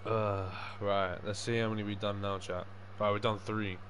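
A young man with a fairly low voice talks casually as he livestreams a game. His speech is loose, sweary and packed with matey slang. There is clear background noise and game ambience under his voice. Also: flat delivery, normal speed. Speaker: livestreaming gamer. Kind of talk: casual livestream gaming chat.

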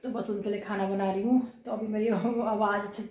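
Hoarse mother, echoey kitchen. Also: medium pitch, level tone, a little fast, a little mellow. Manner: chatty, rambling, talks to her kids. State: hoarse from a cough, unwell. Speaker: vlogger and mother. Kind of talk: casual home vlog. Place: home kitchen. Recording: echoey room.

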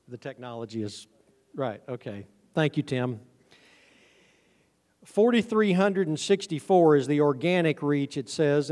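A middle-aged honey farm owner gives a relaxed, down-home conference presentation full of self-deprecation, his voice fairly high and a little mellow. Recorded from an audience camera, his handheld PA mic on the large indoor auditorium stage picks up reverb from the hall's sound system.

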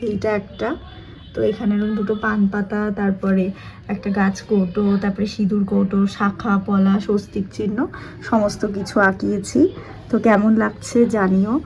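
A hoarse woman with a sore throat from West Bengal, India, chatting casually in a home vlog and speaking softly to spare her voice. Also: mid-range voice, little pitch movement, normal speed, a little hiss or hum. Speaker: vlogger.

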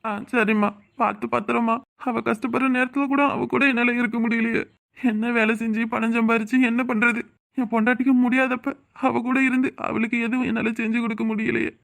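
Woman doing a cartoon husband, anxious and pleading, quick talk, somewhat high, southern Tamil Nadu accent. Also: level tone, creaky, fairly bright tone. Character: worried young husband torn between work and wife. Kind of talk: cartoon voice acting.

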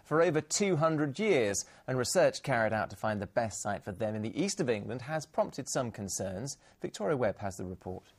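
Man, news presenter, slightly husky, measured studio reading. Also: medium pitch, sing-song.

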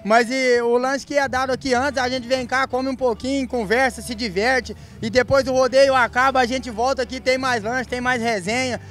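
A man's voice: very high-pitched, steady tone, normal speed, hardly any pauses, fairly bright tone. A young Brazilian man, a bull rider, giving casual interview answers into a handheld microphone. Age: young adult. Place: rodeo backstage, in front of a banner.

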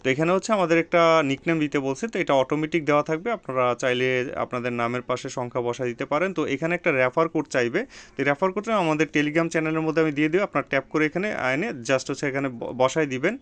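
A man walking viewers step by step through an online earning task, pausing often on drawn-out fillers and repeating steps. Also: on the high side, a bit bright, clean tone. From Bangladesh. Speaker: online earning tutorial host. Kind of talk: step-by-step screen tutorial.

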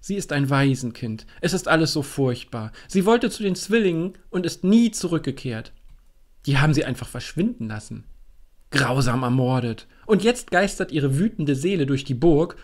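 A man voicing an earnest teenage schoolgirl telling a grim tale, raising his pitch. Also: big pitch swings, moderate pace. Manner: earnest, dropping into a whisper. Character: upset teenage schoolgirl telling a ghost story.

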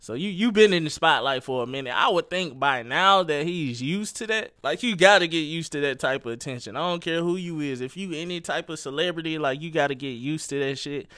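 Young male commentary vlogger, slangy and direct, fairly high, smooth voice. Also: brisk, hardly any pauses, pushed and bright. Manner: loose, slangy, talks straight at the viewer. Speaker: YouTube commentary host. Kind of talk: casual celebrity gossip commentary.

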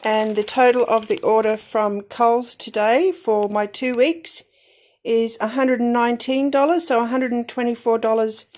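A middle-aged Australian woman films her grocery haul on a handheld phone, first in a discount shop aisle and then at home over the groceries. Chatty and thrifty, she lists items with frequent ums in a fairly high, even, darkish voice at a normal speed.

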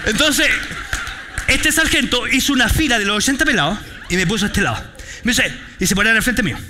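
High-pitched Chilean pastor, lively and joking. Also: male voice, fast, noisy background. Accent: Chilean Spanish. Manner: animated, joking storytelling with street slang. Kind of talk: sermon. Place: church.

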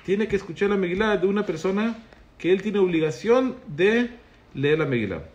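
A man's voice: high-pitched, expressive, moderate pace, darkish tone, highs cut off. Man teaching a class, quizzing students. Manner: explains patiently, asks the class questions. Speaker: rabbi teaching halakha class. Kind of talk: Torah class with student questions.

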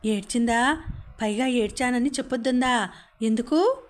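A woman's voice: on the high side, moderate pace, close to an everyday voice. Woman reading a tender, caring mother. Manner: tender, coaxing. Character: affectionate, caring mother, young adult.

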